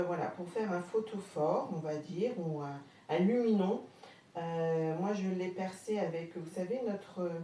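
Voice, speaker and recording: A woman from France with a Haute-Marne accent and a mellow, mid-range voice hosts a casual live crafting stream, chatting with viewers and often hesitating with fillers. The recording sounds roomy and distant, with a faint hum behind it.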